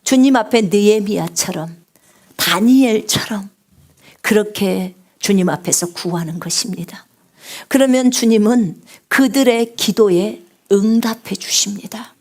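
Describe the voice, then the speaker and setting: A woman missionary preaching a live sermon on prayer, with a big resonant singer's voice, asking the congregation questions and swinging from loud cries to hushed whispers. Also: mid-range voice, unhurried. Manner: asks the congregation questions and answers them.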